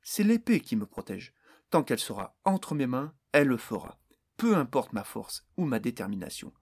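A man reading an audiobook voices a young male hero who answers an enemy with calm, mocking confidence. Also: mid-range voice, moderate pace, gravelly, slightly rough, heavily acted. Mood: defiant.

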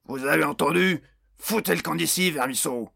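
A man reading an audiobook voices a huge, domineering male orc boss who snarls threats in a husky voice. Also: on the low side, fairly even intonation, a little slow, fairly bright tone. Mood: furious. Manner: snarling, menacing, bellowing orders.

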